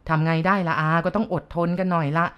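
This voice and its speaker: A woman's voice: on the low side, steady tone, fast, clean tone, muffled recording, lightly acted. A woman voicing a cheerful young man who brags eagerly about his new motorbike. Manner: eager, bragging. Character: young male motorbike fan, cheerful and boastful.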